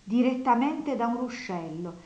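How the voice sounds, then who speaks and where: A woman narrating a classic novel as an audiobook in a steady, measured reading voice. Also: a little high, muffled recording. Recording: roomy echo.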